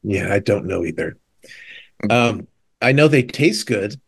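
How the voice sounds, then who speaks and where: A man co-hosting a casual chat podcast, rambling through TV recaps with lots of fillers and animated retellings. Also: on the low side, measured pace, gravelly, husky. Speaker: podcast co-host. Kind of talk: casual chat about TV shows.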